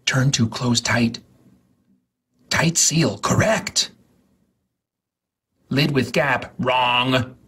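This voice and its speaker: Speaking at a medium pitch with a slightly bright tone, a male host works through step-by-step instructions in a husky, breathy voice. His delivery is measured and dramatic, every word overly crisp.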